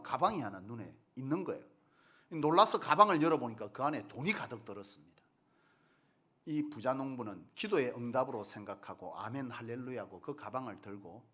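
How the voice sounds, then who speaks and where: A man's voice: mid-range voice, fairly bright tone, husky. A male pastor preaching a sermon, telling a parable and posing rhetorical questions to the congregation. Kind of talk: sermon storytelling.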